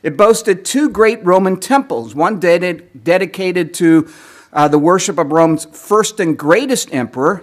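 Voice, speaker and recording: A man giving a teaching sermon, lecturing in a measured way, clearing his throat often as he is losing his voice. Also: a little high. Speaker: preacher.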